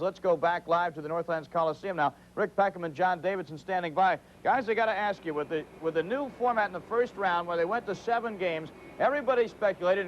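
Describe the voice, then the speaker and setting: A man hosting a televised hockey intermission report from a studio, giving commentary on the games. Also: high voice. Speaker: sports studio host. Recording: slightly noisy, dull old TV broadcast.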